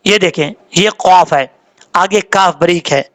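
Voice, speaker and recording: A man with a high voice gives a tajweed lesson, sounding out each letter and vowel mark slowly and deliberately. He stretches the recited words out long and switches back to a patient, explaining tone between them. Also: a bit bright. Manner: slow, deliberate syllable-by-syllable spelling, with drawn-out recited examples. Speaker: Quran recitation teacher.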